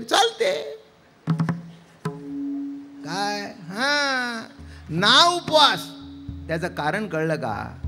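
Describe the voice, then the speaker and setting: A man's voice: sits high, sharp tone. A man preaching a devotional kirtan sermon, telling stories with acted dialogue and asking the audience questions. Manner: theatrical, acts out dialogue, asks the audience questions.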